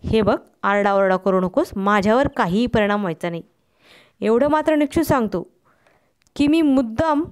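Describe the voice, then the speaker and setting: A blunt, carefree man tells hard things in an even, unhurried tone, voiced by a woman reading a story aloud. The voice stays smooth and clear, pitched a little high. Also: lightly acted. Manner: calm, level, unhurried. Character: calm blunt carefree male friend.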